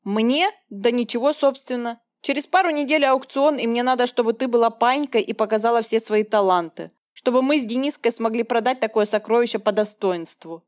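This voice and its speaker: A woman's voice: a little high, a little fast, few pauses, close to an everyday voice. A woman reading the lines of a leering grey-haired man in his fifties in an audiobook. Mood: oily leering. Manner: oily, leering.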